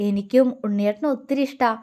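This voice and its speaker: A woman voicing a shy, gentle young wife who speaks in a soft, bashful way. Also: fairly high pitch, brisk, lightly acted.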